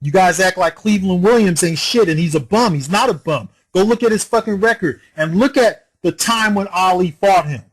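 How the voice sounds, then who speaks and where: Casting: man with a high voice, argumentative and scolding, rapid rhetorical questions, heated rant. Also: husky, rough recording. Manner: swears and scolds the viewer. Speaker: boxing commentator.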